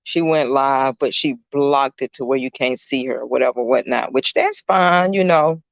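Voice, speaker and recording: A man's voice: medium pitch, moderate pace, creaky, no room sound, highs cut off. A middle-aged man, a caregiver chatting casually on a livestream. He rambles, fills his talk with "you know" and greets viewers by name. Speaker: caregiver streaming live. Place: indoors at a client's home.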